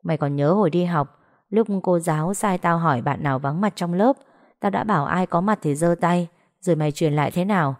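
Woman doing a fed-up young woman scolding fast, low-ish voice, storybook. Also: darkish tone, natural voice. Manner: scolding, quick, blunt. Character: exasperated young woman scolding her friend.

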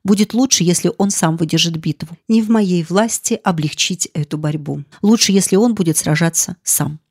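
A woman reading the lines of a grave, earnest young English gentleman in an audiobook, in a measured way. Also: lowish voice, slightly rough, no room sound, clean studio sound. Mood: brooding.

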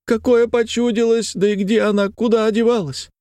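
A man voicing a tearful peasant maidservant woman who laments in a weepy, high, falsetto-like voice. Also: level tone, brisk, darkish tone, dry recording, close to an everyday voice.

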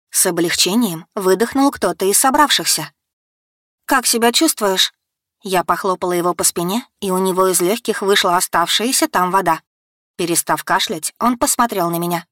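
A woman narrating a first-person audiobook in a steady, dramatic storytelling manner. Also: on the low side, dry recording, clean studio sound.

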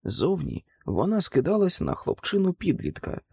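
A man narrating an audiobook with expressive, dramatic storytelling. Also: high voice, normal speed, vocal fry, breathy edge, dry recording.

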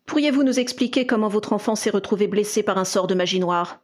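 A man's voice: high voice, fast. A woman reading aloud and voicing a young wizard investigator who speaks coldly and curtly. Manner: cold, curt.

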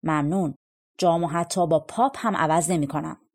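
A woman voicing a cheerful, humble young male vine pruner in a spoken storybook, with a slightly husky, lowish voice. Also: steady tone, a little mellow. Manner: polite, humble and content.

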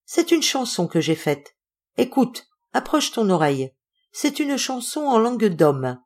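A woman's voice: a little high, sing-song, measured pace, voice pushed up. A woman reading an audiobook voices a sorrowful, lovesick male ape-man, speaking sadly and tenderly. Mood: mournful. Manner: sad, tender and plaintive.

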